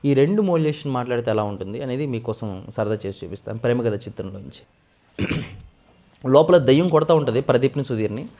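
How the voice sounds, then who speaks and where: A man, a mimicry artist, talking eagerly about his career in a casual interview. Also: medium pitch. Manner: rapid, eager, animated storytelling.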